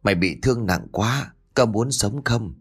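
A man doing a calm old village scholar. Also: lowish voice, unhurried, breathy edge, faint music behind.

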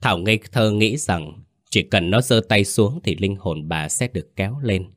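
A man narrating a horror story in a calm, measured storytelling manner. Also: lowish voice, dry recording, clean studio sound.

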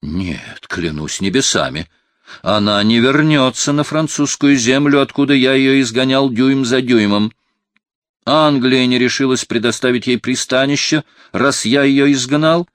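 Imperious aging cardinal with a temper, voiced by a male audiobook reader; low, dry, loud indignant flares. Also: dry recording, exaggerated voice. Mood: furious. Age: 50s. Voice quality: flaring into loud indignant outbursts. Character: imperious aging cardinal, proud, quick to anger. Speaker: audiobook reader voicing a character. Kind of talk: audiobook character reading.

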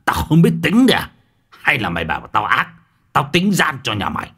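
A man playing a cruel, greedy old village official who curses and yells threats at the poor. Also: medium pitch, wildly swooping pitch, a little fast, slightly rough, pitched above the performer's own voice, heavily acted. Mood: sneering. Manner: snarling, cursing, yelling threats.

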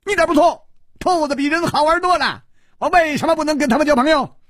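A man's voice: very high-pitched, fast talker, a bit bright, dry recording, clean studio sound, voice pushed up. A man voicing a young nobleman who feigns madness, stammering, giggling and shrieking. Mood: manic.

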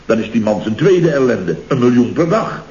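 An actor playing a chatty, boastful boss of a construction firm in a 1960s radio comedy, talking in rambling, jovial asides. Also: male voice, medium pitch, very animated, normal speed, a little mellow, natural voice. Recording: dull, roomy old radio recording.

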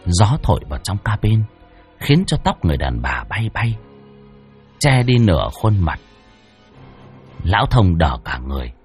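A man's voice: low voice, sing-song, normal speed, long pauses, faint music behind. A man narrating a horror story in a dramatic, ominous way.

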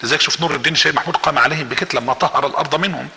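A man with an Egyptian accent telling a religious story as a guest, acting out the quoted speech of the people in it with lively energy. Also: on the high side, rapid-fire, gravelly, big-room sound, a little hiss or hum.

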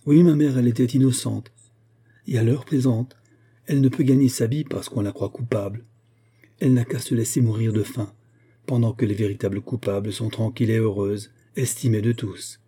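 A man's voice: medium pitch, steady tone, moderate pace, mellow, slightly rough, natural voice. A man voicing a remorseful, indignant young noblewoman in an audiobook, pleading earnestly. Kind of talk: audiobook character voice.

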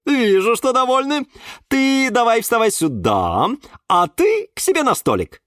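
A man's voice: extremely high pitch, huge pitch swings, unhurried, fairly bright tone, dry recording, studio quality, pitched above the performer's own voice, exaggerated voice. A man voicing a kindly, chatty woman who keeps a greenhouse and coos at her plants in a storybook. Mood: cooing. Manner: cooing, nonstop chatter.

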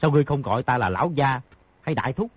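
A man voicing a wounded, blustering male outlaw in an audiobook, with a husky, coarse way of talking. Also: mid-range voice, lively intonation, quick pace. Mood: musing. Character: wounded burly male outlaw, gruff, boisterous. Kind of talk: audiobook character voice. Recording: dry, slightly dull lo-fi audio.

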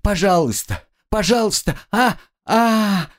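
A frightened young woman, high and frantic, begging in a thin, shrill voice, performed by a male storyteller. Her words leap up sharply in pitch with raw desperation. The delivery is lively and full of swings. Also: takes it slowly. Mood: pleading. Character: terrified young female student captive, pleading and screaming.

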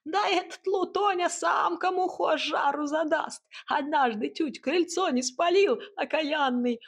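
A woman voicing a talking hut, an old female figure with a shrieking, cackling, sharp-tongued way of talking in an audiobook. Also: high-pitched, unhurried, pitched above the performer's own voice. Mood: cackling, indignant. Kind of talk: audiobook character voice.

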